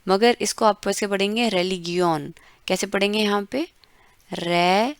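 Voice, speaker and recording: A woman from India teaching an online German lesson, breaking words into syllables and repeating them slowly. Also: mid-range voice, flat delivery, clear, resonant tone, no room sound. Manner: slow, syllable-by-syllable pronunciation drills.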